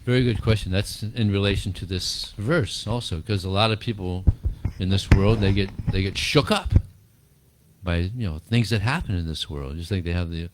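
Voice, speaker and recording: A man giving a relaxed spiritual talk to a small group, chuckling often and repeating words as he answers questions. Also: low-pitched, normal speed, a little hiss or hum. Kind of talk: informal talk and Q&A.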